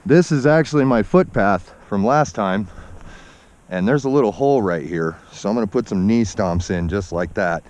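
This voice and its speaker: A man's voice: on the low side, expressive, moderate pace, darkish tone. A man giving a casual, folksy, instructive walk-along narration outdoors, somewhat out of breath from hiking uphill. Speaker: outdoor vlogger. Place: outdoors on a snowy forested mountainside. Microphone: body-worn action camera. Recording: dull muffled action-camera sound, outdoor noise.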